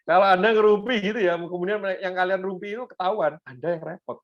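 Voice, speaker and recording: A man from Surabaya with a Surabaya accent preaching a sermon, animated, addressing the congregation and mixing in English phrases. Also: high-pitched, quick pace. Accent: Surabaya Javanese. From Surabaya, Indonesia. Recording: dull lo-fi sound.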